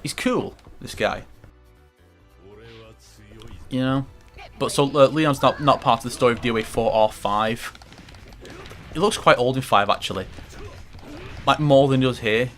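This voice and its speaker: A man's voice: medium pitch, unhurried, pauses often, a bit bright. A man commentating a fighting game playthrough, rambling and swearing often, with game music faint behind. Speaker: gaming commentator. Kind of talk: let's play commentary.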